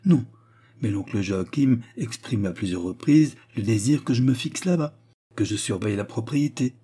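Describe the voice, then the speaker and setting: A man reading an audiobook voices a joyful, effusive young woman who gushes and exclaims, with a husky edge to his voice. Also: mid-range voice, expressive, normal speed, mellow. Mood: earnest. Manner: exclamatory, gushing.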